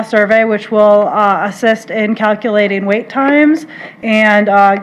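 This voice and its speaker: Woman giving a report at a county meeting, lots of uhs, mid pitch, table mic, bit of hiss. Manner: halting, many filler uhs. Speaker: water resource specialist presenting to county board. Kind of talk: public meeting presentation. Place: county board meeting room. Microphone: table microphone.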